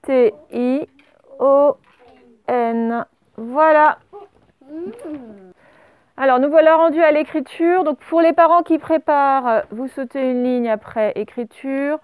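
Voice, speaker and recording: Slow, careful French schoolteacher woman. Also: sits high, fairly even intonation, dry recording, narrow, tinny audio. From France. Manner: slow, deliberate, spells out letters and syllables. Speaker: primary school teacher. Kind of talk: dictation and spelling lesson.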